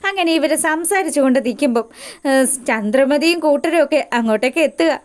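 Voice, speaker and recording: Chatty high-voiced woman storyteller. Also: normal speed. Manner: chatty, folksy narration addressing listeners as 'our'. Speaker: storyteller recapping a TV serial. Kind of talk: casual spoken retelling.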